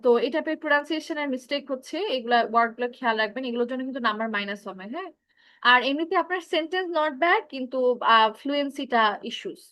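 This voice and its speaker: A woman with a Bangladeshi accent leads an online English class in an instructive tone, switching between Bengali and English. Her voice is high and bright, recorded dry and close. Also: animated, rapid-fire, no echo. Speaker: English speaking teacher.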